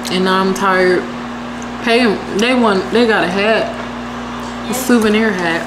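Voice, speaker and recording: A young woman vlogging casually at home in her kitchen, talking in a relaxed, drawling way. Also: mid-range voice, measured pace, roomy sound, noisy background. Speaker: family vlogger.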